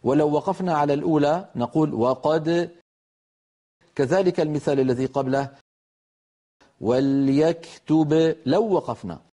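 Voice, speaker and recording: A man teaching Quran recitation rules in a televised lesson, explaining step by step in a measured way and slowly demonstrating the pronunciation. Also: on the high side, mellow.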